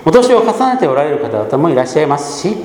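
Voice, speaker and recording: A pastor in his fifties from Gunma gives a measured sermon, pausing often with soft hesitations. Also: a little high, sing-song, reverberant, big-room sound, slight background noise, low-quality recording. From Gunma, Japan. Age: 50s.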